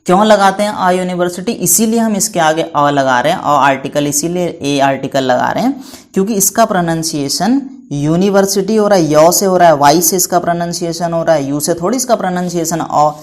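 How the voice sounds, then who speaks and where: A man teaching English to children in a patient classroom style, asking questions and answering them himself and spelling words out letter by letter. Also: fairly high pitch. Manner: calls students "beta" affectionately.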